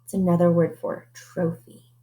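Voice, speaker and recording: A woman reading a picture book aloud to children, animated and stopping to ask her listeners questions. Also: on the low side, normal speed, echoey room.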